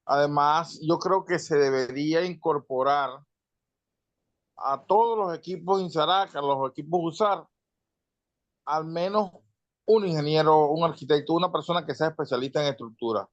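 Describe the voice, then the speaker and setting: A man from Venezuela giving an earnest, measured comment in an online panel, pausing with fillers. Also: a little high, no room sound. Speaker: audience member asking. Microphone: video call. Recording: dull lo-fi video call audio.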